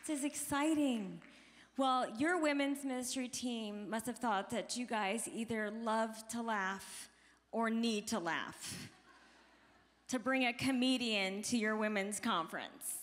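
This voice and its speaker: A woman in her forties with a high voice performs stand-up comedy, unhurried and chatty, often laughing at her own jokes. Her voice rings through a large hall with a long echo trailing each line. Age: 40s. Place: women's conference hall. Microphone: handheld microphone. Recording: reverberant hall sound.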